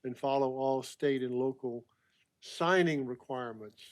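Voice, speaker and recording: A man presenting permit items at a public meeting, halting with many fillers and clearing his throat often. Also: medium pitch, a little hiss or hum.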